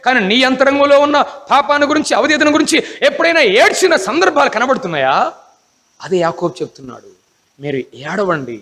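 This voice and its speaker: A man's voice: very high voice, sharp tone, in a large hall. A man preaching a Bible class sermon, emphatic, often asking the congregation rhetorical questions.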